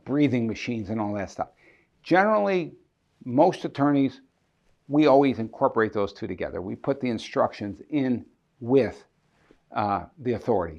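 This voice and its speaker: A man with a gravelly, creaky voice explains legal documents to the camera like an attorney. He poses questions and then answers them himself, tagging many points with "right?". The recording sounds somewhat dull and lo-fi. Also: medium pitch. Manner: asks and answers his own questions, frequent "right?". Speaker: estate planning attorney.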